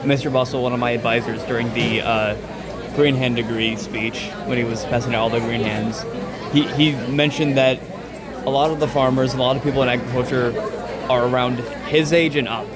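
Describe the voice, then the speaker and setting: A young man from Lexington, chatting earnestly and haltingly in a casual interview. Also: mid-range voice, fairly even intonation. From Lexington, Kentucky. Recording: loud crowd chatter in busy venue. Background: loud crowd in a public space.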